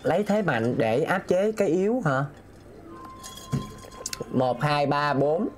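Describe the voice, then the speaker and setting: A man's voice: a little high, lively intonation, slow pace, a little hiss or hum. Man muttering through puzzles. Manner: talks himself through puzzles, repeating phrases aloud and reading chat. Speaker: game streamer. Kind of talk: live gameplay commentary.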